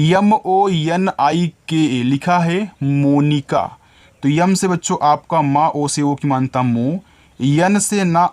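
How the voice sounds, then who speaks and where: A man's voice: on the high side, darkish tone. A male teacher giving a spelling lesson, sounding words out letter by letter and addressing his viewers as children.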